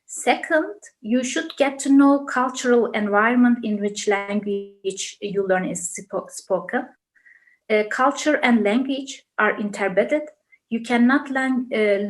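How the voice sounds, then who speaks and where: A woman with a Turkish accent, a native Turkish speaker, explaining like a language teacher in careful, deliberate non-native English. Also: medium pitch, rough recording. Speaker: language teacher, interview guest. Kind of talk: explanatory interview answers, lesson-like.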